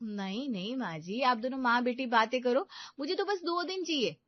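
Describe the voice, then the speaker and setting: A woman's voice: high-pitched, lively intonation, normal speed, dry recording, pitched above the performer's own voice. A woman voicing a clever young daughter-in-law who sweet-talks to get her way. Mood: coaxing. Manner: sugary, coaxing. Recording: dull dry lo-fi recording.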